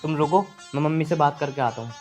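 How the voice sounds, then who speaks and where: A man's voice: fairly high pitch, fast talker, a little mellow, soft background music, lightly acted. An actor playing a young husband torn between wife and mother, talking urgently and protectively.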